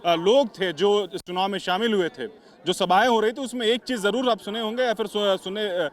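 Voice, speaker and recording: High-voiced male reporter questioning outdoors. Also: fairly quick. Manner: probing questions, frequent fillers. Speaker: news reporter. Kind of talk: on-site news interview. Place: outdoors at a party convention venue.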